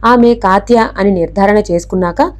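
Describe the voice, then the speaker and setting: A woman narrating a novel as an audiobook in a steady, even storytelling manner. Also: medium pitch, normal speed.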